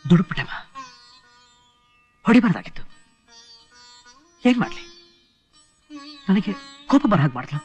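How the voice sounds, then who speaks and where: An actor playing a hot-tempered young husband who is curt and commanding, later remorseful. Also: male voice, high-pitched, wildly swooping pitch, unhurried, pauses often, muffled recording, exaggerated voice. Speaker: film character. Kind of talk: melodramatic film acting. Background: film score music.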